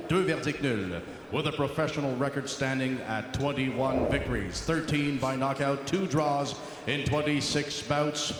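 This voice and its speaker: A man delivers formal arena announcer introductions from a boxing ring in a slightly high voice. He projects deliberately and stretches out names. The sound is very echoey, with long hall reverb and faint noise. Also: fairly bright tone.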